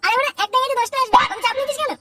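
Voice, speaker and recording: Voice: very high voice, rapid-fire, heavy background noise. A performer voicing a cocky, foul-mouthed teenage boy who brags and coaxes his friend in a cartoon comedy. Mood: coaxing. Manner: crude swearing, boastful, coaxing.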